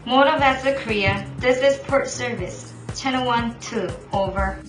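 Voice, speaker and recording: A woman's voice: a little high, a little slow. A woman playing a port control operator on a marine radio call, speaking in clipped, formal radio procedure. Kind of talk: scripted maritime radio role-play. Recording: echoey room with music underneath.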